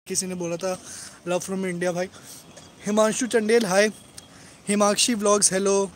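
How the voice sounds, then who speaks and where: A man's voice: sits high, a little hiss or hum. A man hosting a casual live stream about his dogs, rattling off greetings to commenters and often adding "right?" tag questions. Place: at home among his dogs.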